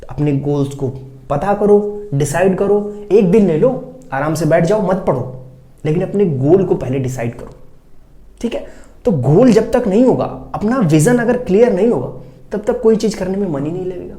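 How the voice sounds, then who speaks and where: A teacher giving students exam preparation advice in a casual classroom style, direct and advising, checking in often with a quick "okay". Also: mid-range voice, animated, dark tone. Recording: echoey room.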